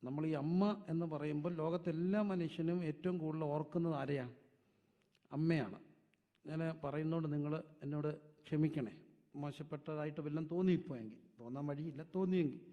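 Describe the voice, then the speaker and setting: A male pastor preaching a sermon, asking the congregation questions and answering them himself, dropping to soft asides and rising to loud emphatic peaks. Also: on the high side, a little fast. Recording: dull lo-fi sound with long hall reverb.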